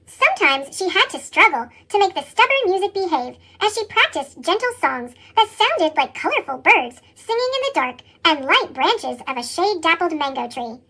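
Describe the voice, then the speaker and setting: A narrator reading a children's picture book aloud in a lively, expressive storytelling manner, with the voice pitched up by a sped-up chipmunk filter.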